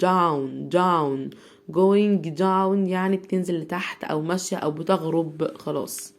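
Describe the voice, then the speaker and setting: A woman with an Egyptian Arabic accent teaching English phonics to young children, sounding out words slowly and repeating each one several times. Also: medium pitch, a little mellow.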